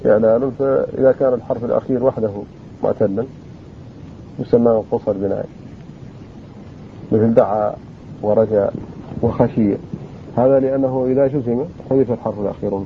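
A man teaching a classical Arabic grammar lesson in a measured, explanatory way, slowing down to spell out example words. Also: gravelly. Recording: tinny phone-like audio with faint vehicle rumble.

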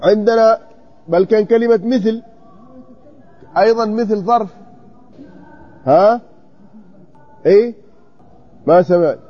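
Male grammar teacher, high voice, dull lo-fi recording, questioning and drilling students. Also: soft background music. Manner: questioning, checks students' copies, repeats vowel forms slowly. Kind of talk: classroom text study.

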